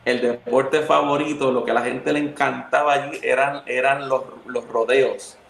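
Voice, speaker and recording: A man's voice: mid-range voice, normal speed, gravelly, a little hiss or hum. A man with a Puerto Rican accent in a casual spiritual talk, telling stories and acting out the people in them. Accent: Puerto Rican Spanish. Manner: lively storyteller who acts out the quoted people. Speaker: youth talk co-host. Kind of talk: casual spiritual conversation with storytelling. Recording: echoey room.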